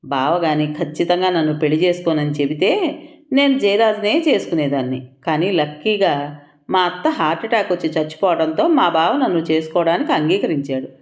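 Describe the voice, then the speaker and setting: A woman's voice: on the low side, expressive, moderate pace, reverberant, close to an everyday voice. A woman voicing an ambitious young woman who speaks bluntly and mockingly, without apology. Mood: scornful. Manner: mocking, unapologetic.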